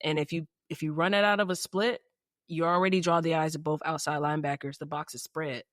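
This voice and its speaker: A woman who hosts a podcast and plays football chats casually about the sport, rambling, restarting often and saying "you know what I'm saying" a lot. Her voice is low and steady and a little fast. The recording is dry and clean, with studio sound.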